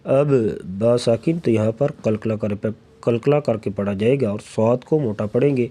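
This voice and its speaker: A man teaching a recitation lesson who chants verses slowly and explains the rules quickly in a low voice. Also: dark tone. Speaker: Quran tajweed teacher. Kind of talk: tajweed lesson, slow melodic recitation alternating with rapid explanation.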